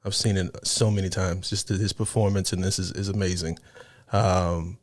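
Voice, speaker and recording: A man's voice: low-pitched, little pitch movement, normal speed, no echo. A man giving casual, off-the-cuff reaction commentary as a video host.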